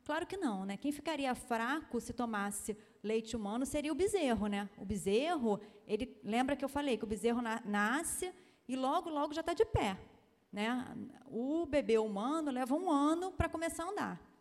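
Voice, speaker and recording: A woman's voice: high voice, lively intonation, moderate pace. Chatty woman pediatrician in a reverberant hall. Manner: chatty, frequent tag questions, emphatic. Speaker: pediatrician giving a talk. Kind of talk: lecture-style talk with slides.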